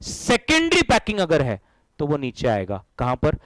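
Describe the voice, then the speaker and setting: A middle-aged man leads a lively classroom lecture, firing questions at students and having them chant answers back. His voice sits a little high and comes across dry and close, with little room sound. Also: normal speed, no room sound, rough recording. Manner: energetic, drills class in call-and-response; mixes Hindi with English terms. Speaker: accounting teacher.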